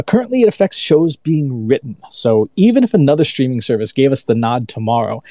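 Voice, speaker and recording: Mellow-voiced man giving an update. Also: medium pitch, no echo. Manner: informative, steady update. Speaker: campaign data team member. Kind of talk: casual online audio chat.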